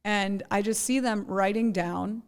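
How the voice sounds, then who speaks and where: A woman's voice: mid-range voice, measured pace, clear, resonant tone. A woman in her thirties, born in Jordan and raised in New York, talking as a podcast guest and telling stories in a chatty way, often adding "like" and "right?". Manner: chatty storyteller, says "like" and "right?". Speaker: guest entrepreneur. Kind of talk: casual conversation.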